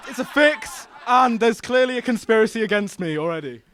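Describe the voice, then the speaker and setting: A man's voice: very high voice, lively intonation, a little fast, crowd noise. A man competitor talking casually after a match in a mock-indignant way. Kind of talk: casual post-match interview.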